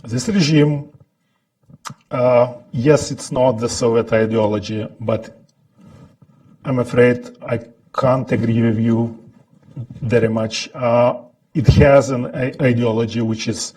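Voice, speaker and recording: A man from Lithuania with a Lithuanian accent, giving deliberate, halting remarks as a scholar on a panel, often clearing his throat. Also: mid-range voice, fairly even intonation, darkish tone, distant mic. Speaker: think-tank scholar, panel speaker. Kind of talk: prepared remarks at a panel talk.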